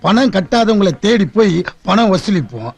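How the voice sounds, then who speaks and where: A mocking bank debt collector, sarcastic and falsely polite. His voice sits high and swings widely, with a gravelly edge. Loud film music plays under him. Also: big pitch swings, moderate pace, full character voice. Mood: taunting. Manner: sarcastic, taunting, mock-polite. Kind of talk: Tamil film comedy scene.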